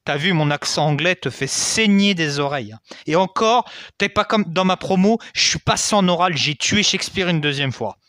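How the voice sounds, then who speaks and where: A man's voice: high voice, lively intonation, moderate pace, fairly bright tone, no echo, studio quality. A young man hosting a casual history lesson video, chatty, peppering his talk with tag words and jokey asides. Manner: chatty, frequent "hein" and asides. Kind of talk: casual educational explainer.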